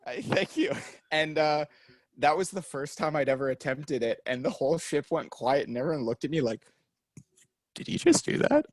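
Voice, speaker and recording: A man's voice: on the high side, no echo. Chatty young man, dry close mic. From Canada. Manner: chatty, self-mocking, quick asides. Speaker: podcast co-host. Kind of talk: casual chat.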